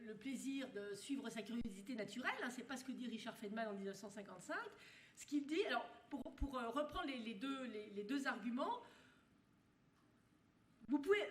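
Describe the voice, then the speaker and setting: Rhetorical questions aimed at the audience punctuate this university lecture, delivered by a high-voiced woman who talks in halting bursts full of restarts. The sound is roomy, as you'd expect from a lecture hall.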